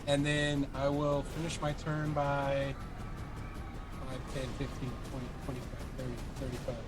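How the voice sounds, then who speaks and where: A man's voice: mid-range voice, completely flat delivery, normal speed. A man playing a tabletop game, casually muttering his calculations to himself. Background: clear music.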